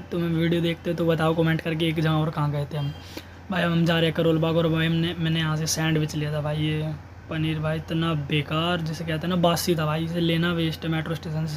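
Young man for a casual vlog voice-over, flat and a bit high, faint hiss. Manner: chatty, addresses viewers as brothers. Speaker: vlogger. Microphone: home voice-over mic.

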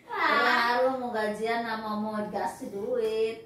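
A woman's voice: fairly high pitch, measured pace, a bit bright. A woman chatting at home as a mother, dropping teasing remarks. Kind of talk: casual family chat. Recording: echoey room, mic far off, noisy.

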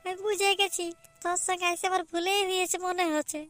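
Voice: extremely high pitch, little pitch movement, quick pace, pushed and bright, no room sound. A performer voicing a naive, frightened village boy with a Purulia Bengali accent who pleads and whines. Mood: scared pleading. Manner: pleading, whiny.

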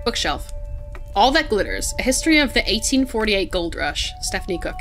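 Female streamer, expressive delivery, reads in-game text to chat, light music underneath. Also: medium pitch, a little fast. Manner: reads in-game notes aloud, chats with chat. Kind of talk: let's play commentary.

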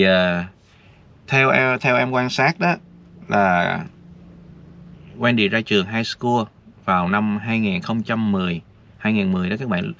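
A man with a fairly low, fairly bright voice vlogs outdoors, rambling casually and chatting straight to his viewers. The recording is dull and lo-fi, with faint noise.

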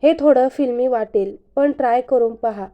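A woman's voice: a little high, moderate pace, lo-fi sound, natural voice. Woman narrator doing a chatty radio host. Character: male radio host speaking on air.

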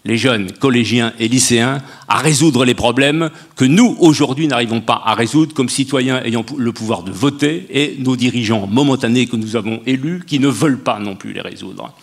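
An older man speaks as a guest in a public panel debate, building long sweeping sentences with passion. He holds a handheld mic on a stage in a large dark hall. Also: mid-range voice, moderate pace, creaky, few pauses, husky.

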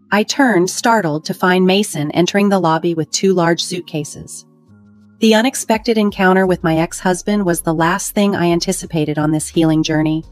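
A woman narrating a first-person drama story in an even, measured way. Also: on the low side, no room sound. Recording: dry close mic with faint music.

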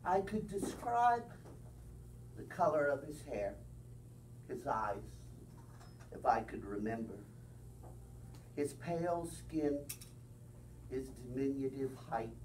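Middle-aged male poet, unhurried wry reading at a bookstore open mic, heard from across the room. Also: mid-range voice, sing-song, darkish tone. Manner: slow, deliberate reading with wry asides. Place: bookstore room with small audience. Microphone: far camera. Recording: distant, faint room noise.

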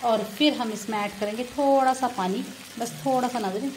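This cooking vlogger's voice runs on the high side and is a little mellow, at a normal speed, with a bit of hiss or hum in the audio. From her home kitchen by a frying stove, she chats warmly through the tutorial, greeting viewers and adding religious blessings.

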